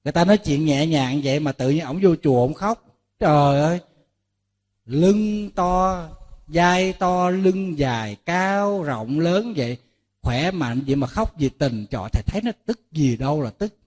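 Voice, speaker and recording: A man's voice: fairly high pitch, measured pace. A man, a Buddhist monk giving a sermon to a lay audience, telling stories, acting out dialogues and asking rhetorical questions. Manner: lively storytelling, acting out dialogues with listeners.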